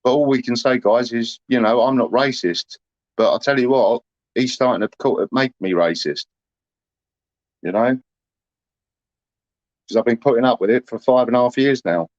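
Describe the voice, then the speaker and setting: A man's voice: medium pitch, moderate pace, long pauses, no echo, highs cut off. A man, chatting casually to livestream viewers in a rambling, aggrieved way, full of "you know".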